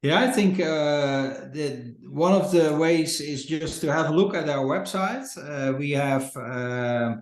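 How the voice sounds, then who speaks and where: A man's voice: a little high, takes it slowly, few pauses. Dutch man, hesitant, echoey room. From Netherlands. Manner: hesitant, many fillers and restarts. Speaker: company founder, guest. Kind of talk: casual podcast interview. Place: Portugal.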